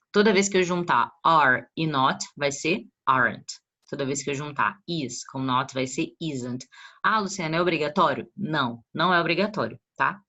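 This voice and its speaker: A woman's voice: low voice, fairly bright tone, lo-fi sound. A woman teacher with a Brazilian Portuguese accent explaining an English grammar lesson in a casual way, often checking that her students follow. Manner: checks understanding with frequent tag questions.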